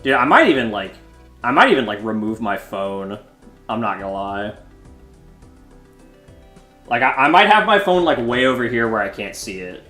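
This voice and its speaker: A young man in his twenties runs a live stream of a card game, talking in a loose, joking, chatty way to his viewers. His voice sits at an ordinary middle pitch and rings a bit in a roomy space. Faint music plays underneath. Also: very animated, normal speed, long pauses, bright, forceful tone. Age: 20s. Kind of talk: casual live-stream commentary.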